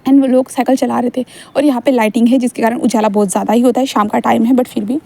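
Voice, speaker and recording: High-voiced woman rambling through a story. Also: fairly even intonation, fast talker, vocal fry, mellow. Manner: rambling, with many fillers and restarts. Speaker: fan fiction narrator. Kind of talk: storytelling narration.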